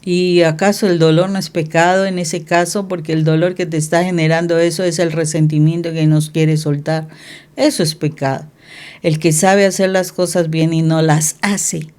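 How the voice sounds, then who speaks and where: A woman's voice: lowish voice, darkish tone. A woman preaching a sermon and leading prayer, impassioned and full of rhetorical questions.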